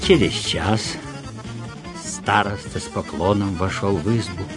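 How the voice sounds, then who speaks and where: A male actor narrating a radio literary reading in a measured, expressive way. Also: low voice, music in the background. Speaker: actor, reader.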